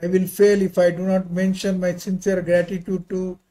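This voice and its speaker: Lecturing from slides on a video call, this older visiting pharmacy professor and associate dean speaks English that sounds non-native. He is polite and drifts into casual, rambling asides, his high, mellow voice completely flat and at normal speed.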